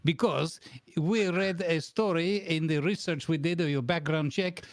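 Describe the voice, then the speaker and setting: A man playing a deadpan, bossy boss who interviews absurd job candidates in a mock-formal, deliberate way on an improvised comedy stream. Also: fairly high pitch, dry recording, natural voice. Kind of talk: improvised comedy role-play.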